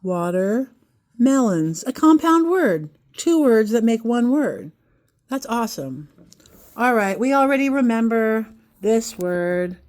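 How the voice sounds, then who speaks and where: A woman teaching a children's phonics lesson, slowly sounding out letters and syllables in an encouraging way. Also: on the high side, expressive, a little mellow. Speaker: kindergarten teacher.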